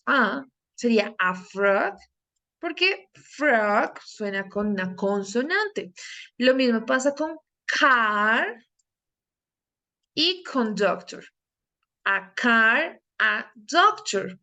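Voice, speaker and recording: A woman's voice: a little high, a bit bright. A young woman teaching an English grammar lesson, carefully repeating each word so learners catch its pronunciation.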